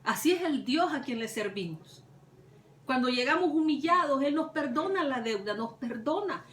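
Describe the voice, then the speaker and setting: High-voiced woman preaching in an echoey room. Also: lively intonation, normal speed, a bit bright. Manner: retells scripture with many repetitions and rhetorical questions. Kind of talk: Bible teaching. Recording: echoey room, mic at a distance, faint ambience.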